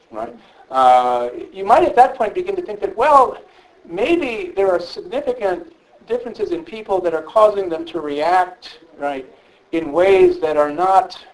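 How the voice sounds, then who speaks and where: A man's voice: a little high, rough recording. Thoughtful man answering questions, tagging "right?". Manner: thoughtful, frequent "right?" tags. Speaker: philosopher answering audience questions. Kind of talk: conversational public Q&A.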